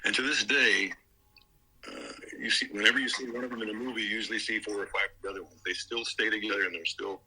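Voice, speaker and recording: A man's voice: on the low side, steady tone, fast, bright, forceful tone, slight background noise, rough recording. An older man, a voice actor, chatting in an interview and telling stories, now and then slipping into character voices. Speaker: voice actor guest. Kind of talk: casual interview.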